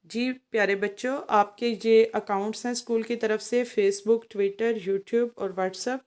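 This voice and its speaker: Lady teacher, a bit high voice, patient, slow stretched-out syllables for kids. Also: steady tone, a little mellow, clean tone. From Pakistan. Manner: patient and explanatory, stretching out Arabic syllables for the children to copy. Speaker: Quran teacher. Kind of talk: recorded online lesson for children.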